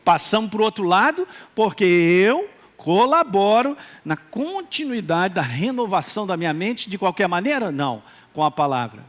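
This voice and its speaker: Male pastor, Minas Gerais accent, high and very expressive, animated sermon with humor. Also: normal speed, hardly any pauses. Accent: Minas Gerais Brazilian Portuguese. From Brazil, Minas Gerais. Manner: animated, joking, calls out for responses.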